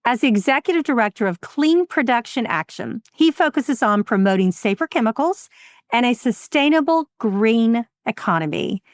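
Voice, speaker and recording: A woman hosting an interview podcast, enthusiastic and quick to laugh, reading a guest introduction and asking questions. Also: a little high, lively intonation, dry recording, clean studio sound. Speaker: podcast host.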